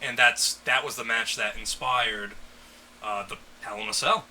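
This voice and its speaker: A man's voice: medium pitch, steady tone, measured pace, bright, forceful tone, a little hiss or hum, rough recording. A man co-hosting a podcast in casual chat, laughing often and reading lists aloud. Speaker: podcast co-host.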